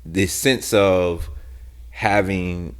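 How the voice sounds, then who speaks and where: A man's voice: low-pitched, fairly even intonation, drawn-out words, clean tone. A man co-hosting a podcast in casual discussion, earnestly posing questions and challenging listeners. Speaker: podcast co-host.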